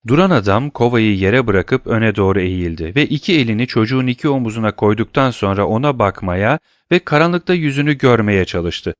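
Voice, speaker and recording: A man reading an audiobook in a steady, even narration. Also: lowish voice, fairly quick, hardly any pauses, no room sound, studio quality.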